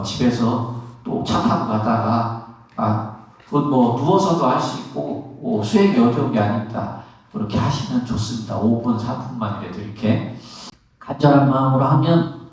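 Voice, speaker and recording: A Korean Buddhist monk giving a lively dharma talk to an audience. He acts out everyday complaints and asks the listeners questions. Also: medium pitch. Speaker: Buddhist monk, temple abbot. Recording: very echoey, from far off.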